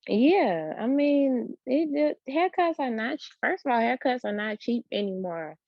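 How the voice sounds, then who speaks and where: A woman from Chicago, a loctician, talking in a relaxed, reflective and slightly hesitant way as an interview guest. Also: on the high side, unhurried, creaky, no room sound, muffled recording. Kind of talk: casual interview.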